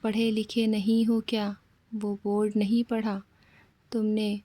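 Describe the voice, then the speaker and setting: A woman's voice: mid-range voice, monotone, a little slow, warm tone, dry recording, lightly acted. A woman voicing a stern young village man who scolds and warns ominously in a horror story. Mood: scolding. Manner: scolding, warning tone.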